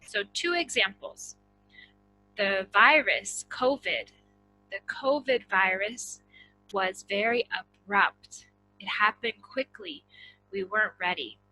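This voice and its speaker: A woman teaching an English vocabulary and intonation lesson, slowly and deliberately, repeating words so students can practice. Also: medium pitch, sharp tone, soft background music, low-quality recording.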